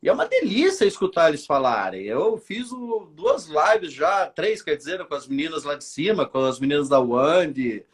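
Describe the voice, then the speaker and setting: Husky Brazilian man with a countryside São Paulo accent. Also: fairly high pitch, sing-song, moderate pace, few pauses. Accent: São Paulo countryside, rolled-back R. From Campinas, São Paulo state, Brazil. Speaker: host, nurse. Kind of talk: casual interview chat. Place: online live interview.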